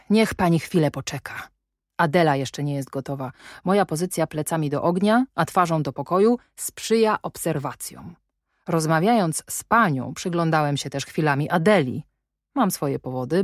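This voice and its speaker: A woman reading the lines of an ironic, commanding middle-aged English gentleman in an audiobook, in a measured, wry and probing manner. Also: sits low, dry recording, studio quality, exaggerated voice.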